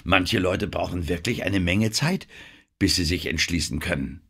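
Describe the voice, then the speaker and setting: Man putting on a ship's officer, gruff, teasing, deep, husky. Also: moderate pace, fairly bright tone, exaggerated voice.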